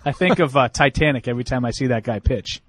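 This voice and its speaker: A man's voice: mid-range voice, fast, fairly bright tone. A man co-hosting a casual sports radio talk show, reeling off stats and needling his co-hosts. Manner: quotes stats with a joking, needling edge.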